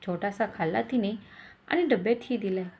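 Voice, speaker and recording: A woman's voice: mid-range voice, normal speed, a little mellow, close to an everyday voice. A woman voicing a caring older mother-in-law, speaking in a bossy yet tender way.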